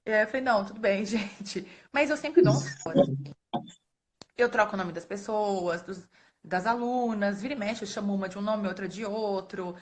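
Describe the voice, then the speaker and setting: A woman in her thirties from Brazil, a librarian telling stories in a relaxed way, laughing often and acting out the voices of the people in them. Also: mid-range voice, normal speed. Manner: animated, laughs often, acts out quoted voices. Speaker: guest speaker, librarian. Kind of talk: casual storytelling in a live talk. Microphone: phone or webcam on a live stream.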